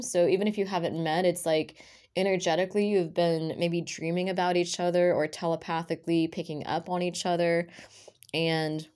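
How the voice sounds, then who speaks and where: Off-frame, with only her hands visible under the camera, a tarot reader chats casually while dealing cards onto a purple-clothed table indoors, half-whispering the names as they land. Still recovering from a cough, she has a raspy voice, a lingering cough, fairly low pitch, and a darkish tone.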